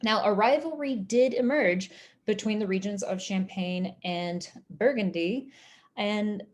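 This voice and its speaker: American woman giving a measured history lecture. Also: medium pitch. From Oklahoma, United States.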